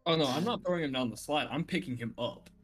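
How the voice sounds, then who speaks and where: A man's voice: fairly high pitch, lively intonation, fast, husky. A man playing a tabletop game, talking bluntly and impatiently. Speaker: player. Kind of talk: casual tabletop chat.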